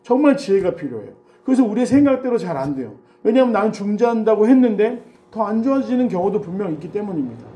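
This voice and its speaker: A man's voice: sits high, very animated, quick pace, hardly any pauses, mellow. A man in his forties preaching a Sunday sermon in a church, with a chatty, anecdotal style and touches of humor. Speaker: pastor. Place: church sanctuary. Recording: roomy church hall echo.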